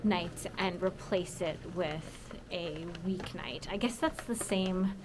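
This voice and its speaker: A woman's voice: on the low side, slow, background noise. A woman travel vlogger chatting upbeat as she narrates her plans out on the street. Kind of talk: casual travel vlog chat. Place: outdoors on a town street.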